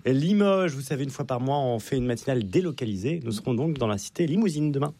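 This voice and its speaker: A man's voice: medium pitch, expressive, fast talker, warm tone. A man hosting a morning radio show, presenting live with informal, teasing banter. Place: radio studio.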